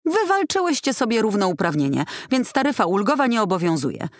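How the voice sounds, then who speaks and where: A man's voice: high-pitched, very animated, brisk, no room sound, clean studio sound, voice pushed up. A woman voicing a hot-tempered male driver in an audiobook, snapping and raising his voice in anger. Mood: angry. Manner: angry, snapping, raised voice.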